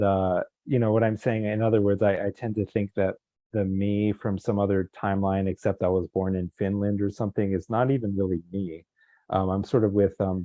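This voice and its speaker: A man in a casual philosophical conversation, measured and bookish, who quotes philosophers as he speaks. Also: fairly low pitch, warm tone, no room sound, muffled recording. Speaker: co-host in discussion.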